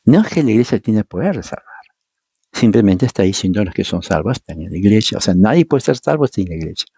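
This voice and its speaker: A man's voice: lowish voice, sing-song, fast talker, gravelly, mellow, breathy edge, no room sound. A man preaching an informal teaching sermon in an emphatic, argumentative way, often repeating his points. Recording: dull, muffled dry sound.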